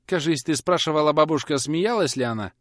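A man's voice: a little high, a little fast, no echo, studio quality, pitched above the performer's own voice, close to an everyday voice. A man doing a whining, desperate young lad. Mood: evasive. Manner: whining, pleading. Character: nervous young male knife-grinder, desperate and pleading.

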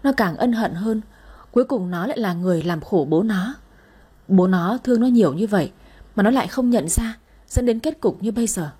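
Woman narrator, mellow tone, breathy, dramatic first-person story. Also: medium pitch, lively intonation, fairly quick. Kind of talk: first-person storytelling, voicing all figures.

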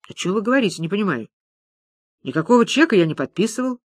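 A woman voicing a polite male businessman, lowering her voice and speaking quietly. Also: sing-song, quick pace, no echo.

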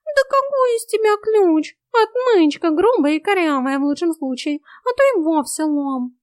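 A woman's voice: extremely high pitch, expressive, moderate pace, darkish tone, no room sound, studio quality, voice pushed up. A woman voicing a grumpy, rude male house cat who scolds and carries on theatrically in a storybook. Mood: scornful.

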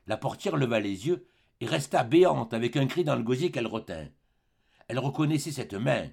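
A man reading a classic novel aloud as an audiobook, expressive, dropping low and soft at grave moments. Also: gravelly, husky. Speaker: audiobook reader. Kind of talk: dramatic audiobook narration.

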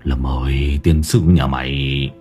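A man's voice: very deep voice, fairly even intonation, slow, darkish tone, husky, soft background music, voice pushed down, exaggerated voice. A man voicing a flustered older husband who works as a village official, reading an audio story. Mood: annoyed. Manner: flustered, grumbling.

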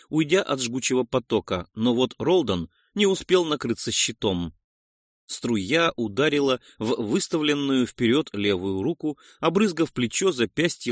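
A male audiobook narrator tells a first-person action story with a lively, rising and falling delivery. The recording is close and dry, with no room around the voice. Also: mid-range voice, no room sound. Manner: lively, expressive reading.

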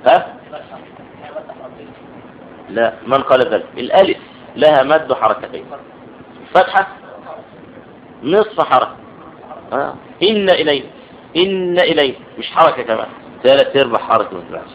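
A man's voice: mid-range voice, lively intonation, moderate pace, long pauses, slight background noise. A man with an Egyptian accent giving a classroom grammar lesson, explaining step by step and often checking that students understand. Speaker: teacher. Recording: dull lo-fi classroom recording.

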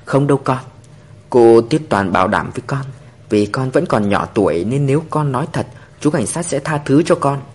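A man voicing a patient, firm female police officer, speaking calmly and earnestly. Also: medium pitch, moderate pace, breathy edge.

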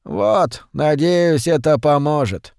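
A man voicing a frail, sinister old man who talks slowly in a peevish, grumbling way. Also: a little high, lively intonation, vocal fry, darkish tone, smooth, dry recording, studio quality, exaggerated voice.

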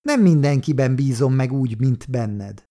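A man reading the part of a sly male shop owner, secretly a police detective, with a calm, mocking self-assurance. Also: mid-range voice, natural voice. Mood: sly, cool.

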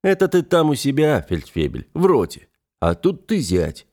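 Man voicing a gruff old blacksmith. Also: mid-range voice, huge pitch swings, moderate pace, darkish tone, pitched above the performer's own voice. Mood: sarcastic. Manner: gruff, grumbling. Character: gruff older village blacksmith, stern but honest. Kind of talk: audiobook character voice.

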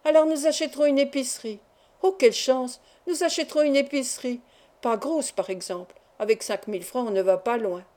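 A woman voicing a lively, teasing young working-class woman in a storybook reading. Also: medium pitch, a little fast, hardly any pauses, voice pushed down, lightly acted. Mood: eager.

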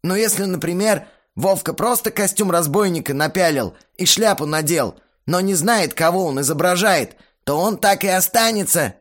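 A man voicing an energetic young man who eagerly explains acting ideas in an audiobook. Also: sits high, normal speed, few pauses, pitched above the performer's own voice, close to an everyday voice. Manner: eager, lecturing.

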